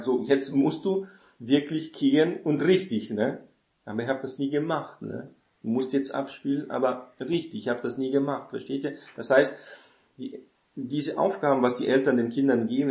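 A man speaks in an informal advice talk, addressing his listeners directly. He keeps tacking a questioning "ne?" onto his points and asks whether they follow. The voice is mid-pitched and rings in a roomy echo. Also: normal speed, a little mellow. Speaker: speaker giving parenting advice.

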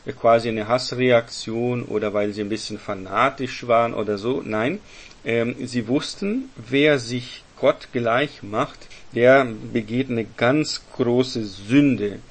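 Male Bible study leader, mid-pitched, unhurried delivery, explains patiently with frequent check-ins. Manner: explains step by step, often ending with "ne?". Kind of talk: Bible teaching to a group.

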